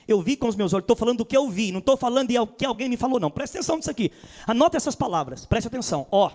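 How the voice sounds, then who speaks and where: A man's voice: extremely high pitch, lively intonation, racing, a little mellow. A Brazilian man, a pastor, preaching a sermon with a Brazilian Portuguese accent and big dramatic swings in his voice.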